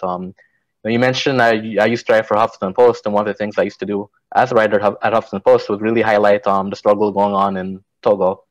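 A man from Guyana, an author and activist, giving measured, thoughtful interview answers. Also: fairly low pitch, no echo, dull audio.

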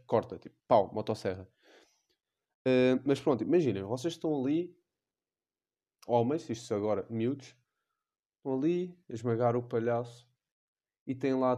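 A young man with a European Portuguese accent riffs through a comic podcast monologue. He is rambling, slangy and crude, full of fillers. His voice is mellow and of middling pitch. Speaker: podcast host.

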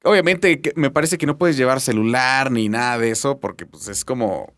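A man's voice: mid-range voice, normal speed, a bit bright, dry recording, studio quality. A man with a Mexican accent, chatting casually and joking, with a lot of fillers. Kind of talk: casual chat.

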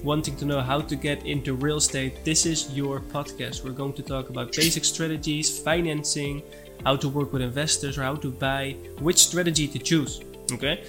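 A man hosting a podcast with a slightly higher voice and an upbeat, friendly way of talking. Faint music sits under his voice. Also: fairly even intonation, moderate pace. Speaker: podcast host.

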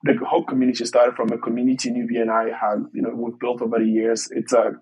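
A man's voice: medium pitch, flat delivery, fast talker, darkish tone, slightly rough, rough recording. A man from Togo, answering interview questions as a podcast guest in a hesitant, explanatory manner. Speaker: podcast guest, startup investor.

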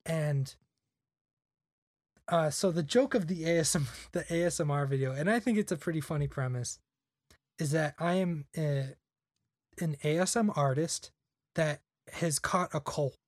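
A young man chats casually as a podcast guest, rambling and filling his speech with lots of "like." His voice is fairly high, his pace measured with frequent pauses, on a dry, clean studio recording.

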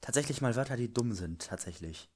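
A man's voice: medium pitch, expressive, fairly quick. A man in easy, casual podcast chatter with a co-host. He teases and jokes, slipping into laughter often. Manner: playful, teasing, laughs often. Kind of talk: casual chat.

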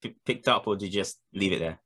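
A man's voice: low-pitched, quick pace, a bit bright. A man co-hosting a casual podcast, teasing his guest with dry sarcasm. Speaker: podcast co-host.

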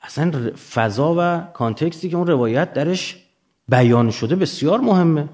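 A man's voice: on the high side, animated, darkish tone. A man lecturing off the cuff to students, didactic, often posing questions and answering them himself.

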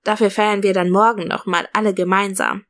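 A loving, cheerful mother in a storybook, speaking fondly and brightly to her child, as a woman reads her part. She sounds affectionate and upbeat. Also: mid-range voice, fairly even intonation, fairly quick, lightly acted.

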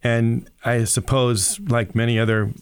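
A man's voice: medium pitch, fairly even intonation, a little slow, clean tone. A man hosting an interview podcast, asking curious, tentative questions and hedging often. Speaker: podcast host.

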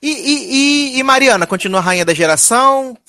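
A man's voice: extremely high pitch, expressive, moderate pace, pushed and bright, no room sound. A Brazilian man hosting a casual chat about TV series in a campy, gossipy way with dramatic slangy exclamations. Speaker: podcast host.

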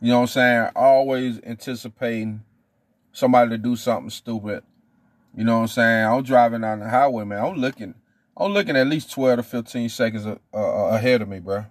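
A man chats in a laid-back, slangy way as a podcast co-host. His voice is mid-pitched, and the sound is dry with very little room. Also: brisk, no room sound. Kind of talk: casual chat.

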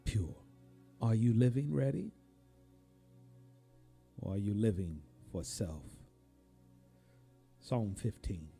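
Slow, deep-toned preaching pastor. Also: male voice, big pitch swings, gravelly, faint music behind. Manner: slow preaching cadence with sudden rises and hushed drops. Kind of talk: sermon.

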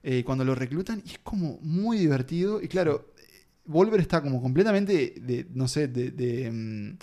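A man hosts a casual film discussion. He steers the conversation and wanders through his points with fillers. His pitch sits at an ordinary middle height. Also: animated, moderate pace, warm tone. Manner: leads the talk, rambling with fillers.

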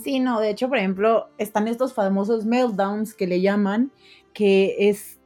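A woman's voice: medium pitch, measured pace, soft background music. A young woman, chatting as a podcast guest and acting out the voices in her stories. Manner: animated storyteller, acts out quoted voices. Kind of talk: casual podcast chat.

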